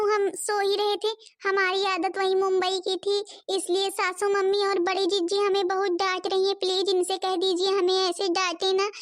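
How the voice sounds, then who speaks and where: A woman's voice: very high-pitched, no echo, studio quality. A woman playing a spoiled young bride from Mumbai who pleads and whines in a village family skit. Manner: whiny, pleading.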